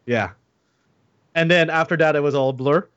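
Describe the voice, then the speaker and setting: A man's voice: a little high, normal speed, a bit bright, clear, resonant tone, dry recording, muffled recording. A man co-hosting a podcast in casual chat, rambling with many restarts and fillers. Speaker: podcast co-host.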